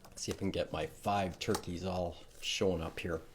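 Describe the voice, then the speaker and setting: Hosting a library storytime for young children, a man reads aloud in an exaggerated, sing-song way, asks them prompting questions, and leads counting songs. His voice is low with fairly even intonation at a moderate pace, and there is background noise.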